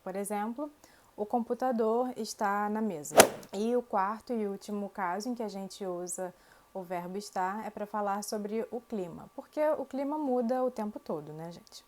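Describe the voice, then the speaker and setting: A Brazilian woman with a Brazilian Portuguese accent, a Portuguese teacher giving a language lesson to camera, speaking clearly and slowly through spoken examples. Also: medium pitch, noisy background.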